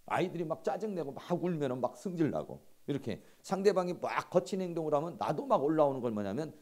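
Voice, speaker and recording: A middle-aged man giving a seminary lecture in a conversational, animated way, acting out everyday quarrels. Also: fairly high pitch, fast.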